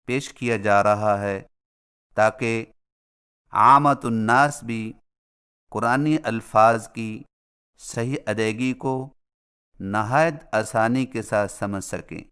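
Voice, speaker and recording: A man giving a formal, scripted lesson on Quran recitation, speaking in measured short phrases. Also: lowish voice, a bit bright, clean tone. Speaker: religious instructor.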